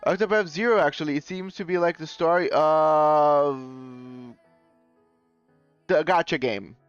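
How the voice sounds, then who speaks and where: Here a man with a fairly high pitch speaks at a measured pace in a clean tone with no echo. He's live streaming and chatting loosely with viewers, rambling and often fixing his words with a little laugh. Faint music sits behind dull lo-fi sound.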